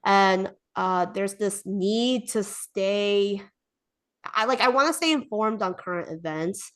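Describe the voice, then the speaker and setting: A woman's voice: medium pitch, slow, a bit bright. A woman speaking casually and thoughtfully, with many "like"s and "um"s, raising a question in a group discussion. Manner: chatty, filler-heavy with frequent "like".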